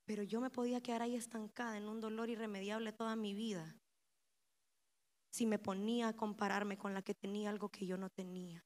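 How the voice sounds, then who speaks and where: A young woman with a Honduran Spanish accent preaching a sermon at a women's conference, impassioned and climbing to loud emotional peaks. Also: mid-range voice, flat delivery, fairly quick.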